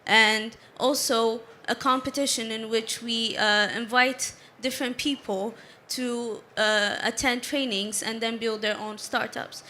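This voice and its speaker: A young woman with an Ethiopian accent and a high, bright, clear-edged voice. She speaks in a measured way on a conference stage, pausing often as she explains her work. Faint room noise sits in the background. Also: steady tone. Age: young adult. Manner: measured, with frequent "uh" pauses. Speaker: tech company founder on a panel. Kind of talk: conference panel talk.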